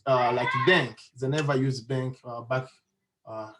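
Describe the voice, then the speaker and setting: A man from Congo, answering as a panelist in an earnest, halting way with many pauses and restarts. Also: medium pitch, fairly even intonation, noisy background. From Democratic Republic of Congo. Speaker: panelist, refugee advocate.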